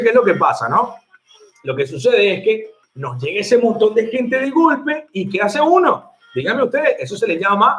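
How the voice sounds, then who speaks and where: A lively young man behind the bar tells his followers a story in a casual, chatty way. His voice sits high, and he talks straight to his viewers, laughing at his own tale. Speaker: bartender and online mixology teacher.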